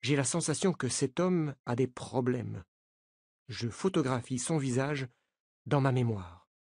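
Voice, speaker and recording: A narrator reading a novel aloud in a slow, clear, learner-paced way. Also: mid-range voice, expressive, darkish tone, no echo, clean studio sound. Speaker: audiobook narrator. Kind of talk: scripted narration of a graded-reader novel.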